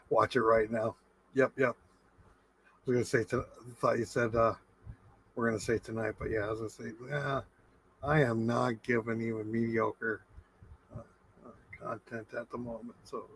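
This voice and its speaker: A man's voice: medium pitch, steady tone, normal speed, breathy edge, rough recording. A middle-aged man chatting casually as a livestream host, with a laid-back, rambling stoner way of talking. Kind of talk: casual chat with livestream viewers.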